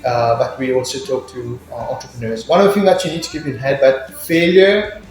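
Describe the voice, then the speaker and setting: A man's voice: medium pitch, steady tone, fairly quick, a little mellow. A man from Mauritius with a Mauritian accent, answering interview questions conversationally and often repeating words as he searches for phrasing. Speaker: interview guest, business incubator worker. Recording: very echoey room, music in mix.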